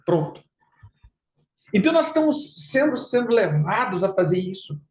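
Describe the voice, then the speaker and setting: A man's voice: high-pitched, very animated, fairly quick, a little mellow. A man gives a conversational sermon as a pastor, emphatic and repeating his phrases. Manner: emphatic, repeats phrases, mocks with put-on quotes. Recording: roomy echo.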